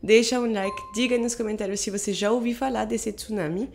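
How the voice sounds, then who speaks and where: A woman's voice: fairly high pitch, fairly even intonation, fairly quick, darkish tone, soft background music. A young woman from France speaking with a French accent, sounding stuffy from a cold, chatting casually and laughing as she hosts a reaction video. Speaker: YouTube reaction host.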